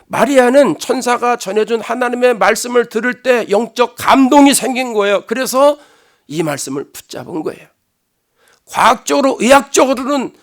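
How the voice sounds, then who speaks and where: A male pastor preaches in an emphatic, conversational style. His voice sits notably high, with a gravelly fry. He swings between ringing declarations and near-whispered asides. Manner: emphatic, conversational preaching with sudden loud and hushed passages. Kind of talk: sermon.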